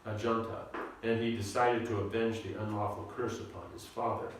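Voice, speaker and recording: With a level tone and a voice on the low side, a male spiritual teacher delivers a halting, informal scripture seminar, repeating words and inviting the audience to follow along. The recording is distant and echoey, with a faint hiss or hum.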